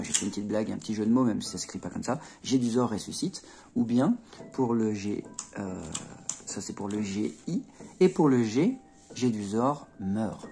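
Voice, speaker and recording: A Rubik's cube tutor with a fairly low, gravelly, dark-toned voice leads a puzzle-solving tutorial. He keeps it casual and chatty, checks in with the viewer often, and punctuates each move with little sounds like "hop" and "tac".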